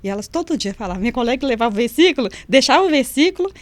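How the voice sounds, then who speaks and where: Lively woman telling stories. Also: high-pitched, racing, dry recording. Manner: lively storyteller who acts out quoted voices. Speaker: nutritionist and former prison officer, guest. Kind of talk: storytelling in a casual interview.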